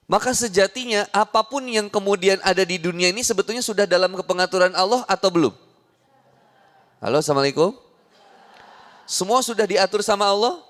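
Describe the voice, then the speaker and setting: A fairly high-voiced male preacher with a Sundanese accent, giving a lively sermon in a big hall. His voice rings out with a long reverb. He jokes and acts out small scenes along the way. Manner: animated, jokey, acts out little scenes in different voices. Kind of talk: lively sermon to a women's audience.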